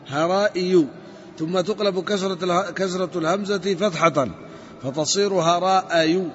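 A man with a high voice teaches a grammar lesson, working through each step and stretching out the word forms as he repeats them. The recording is dull and lo-fi, with a long reverb hanging over his voice. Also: a little hiss or hum. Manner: methodical, repeats and spells out word forms slowly.

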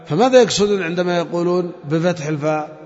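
A man giving a classroom grammar lesson, explaining patiently, repeating key terms and quizzing his students. His voice sits a little higher than most men's. The recording is muffled and the sound rings on in a large hall. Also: fast talker, a little mellow. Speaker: teacher. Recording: muffled audio with long hall reverb.

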